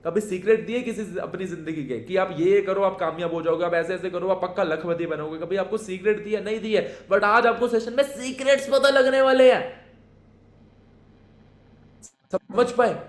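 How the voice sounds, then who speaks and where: High-voiced man coaching in an echoey room. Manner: coaching, swings between soft and emphatic, mixes in English. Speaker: sales trainer. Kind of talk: motivational sales training talk. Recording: echoey room with faint ambience.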